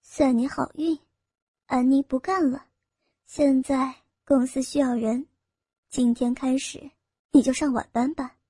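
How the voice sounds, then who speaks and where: A woman's voice: high voice, steady tone, measured pace, long pauses, dark tone, husky, dry recording, clean studio sound. A woman voicing a cold, sneering female sales manager of about forty, speaking in a mocking, scolding way.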